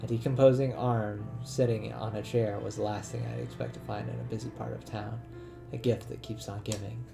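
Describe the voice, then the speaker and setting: A man reading a game's narration aloud in a measured, plain voice. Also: mid-range voice, level tone, creaky. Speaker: let's-play narrator. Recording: voice over game music.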